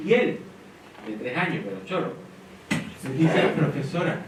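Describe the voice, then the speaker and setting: A man's voice: medium pitch, measured pace. A middle-aged man telling a story to an audience and acting out the quoted lines. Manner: animated storyteller, acts out quotes. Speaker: speaker at an education panel. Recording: echoey hall from far off, faint noise.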